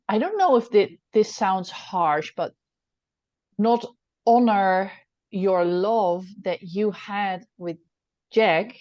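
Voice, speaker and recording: A woman's voice: medium pitch, mellow, dry recording. A woman co-host in a casual podcast chat, speaking carefully and hesitantly. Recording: dry, dull lo-fi audio.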